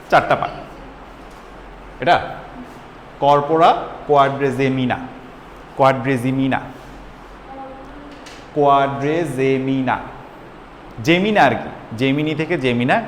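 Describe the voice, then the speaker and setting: A young man teaching a biology class, repeating terms slowly and quizzing his students. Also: medium pitch, lively intonation, slight background noise. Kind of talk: classroom lecture. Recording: echoey room, faint ambience.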